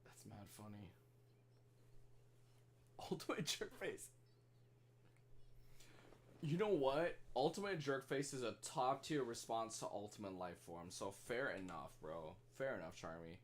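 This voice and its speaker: Young male reaction streamer, lowish voice that swings widely, slang-heavy, faint room hum. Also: expressive, normal speed, hardly any pauses. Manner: slangy, swears, laughs often. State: hiccuping. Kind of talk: casual reaction commentary.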